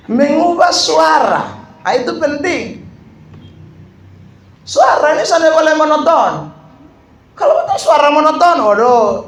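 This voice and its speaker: A man, a pastor teaching how to preach, animated and joking as he acts out examples. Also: very high-pitched. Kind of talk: lively teaching talk to an audience. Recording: echoey room, faint background ambience.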